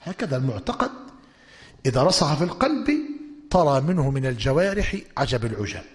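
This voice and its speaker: A man's voice: mid-range voice, big pitch swings, a little fast. A man teaching a religious history lesson, dictating points to students and breaking into emphatic exclamations. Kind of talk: lecturing on prophetic history. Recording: long hall reverb.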